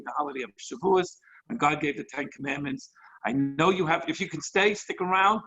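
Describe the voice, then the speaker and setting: A man hosting as a rabbi over a video call, effusive and excitable, jumping between thoughts. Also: on the high side, breathy edge. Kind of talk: enthusiastic hosting. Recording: muffled lo-fi online call audio.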